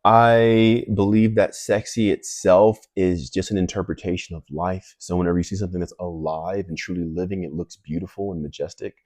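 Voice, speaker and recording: Deep-voiced man musing in casual chat. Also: fairly even intonation, moderate pace, few pauses, darkish tone, dry recording, studio quality. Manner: musing, loose, many "like" fillers. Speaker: host.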